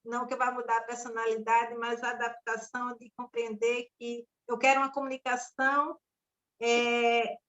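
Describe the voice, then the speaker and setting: Bright, hesitant woman in discussion. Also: on the high side, level tone, moderate pace, lo-fi sound. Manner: hesitant, many fillers and restarts, reflective. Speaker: study group participant. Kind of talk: casual group discussion.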